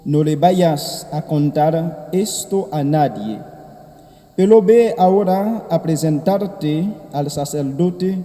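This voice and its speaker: Solemn priest in cathedral echo. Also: male voice, on the high side, mellow. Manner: slow, solemn delivery. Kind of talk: Gospel reading and homily. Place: large church. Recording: church with long reverb.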